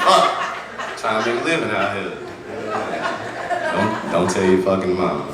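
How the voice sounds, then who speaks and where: A man's voice: deep voice, very echoey, recorded from a distance, very noisy. A man doing a crude stand-up set in a club, drawling his punchlines. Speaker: stand-up comedian. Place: comedy club stage.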